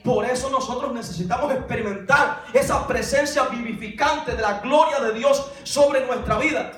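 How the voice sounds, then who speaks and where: Male pastor, sermon, very high voice, booming echo, heard from far off. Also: moderate pace, fairly bright tone. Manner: preaching, reading scripture aloud.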